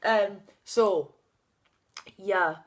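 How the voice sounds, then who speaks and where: In a personal vlog filmed outdoors on a sunny day, a woman in her thirties speaks at medium pitch and extremely slowly. She has a stutter that blocks on first sounds, and she talks openly and emotionally without a script, laughing at times.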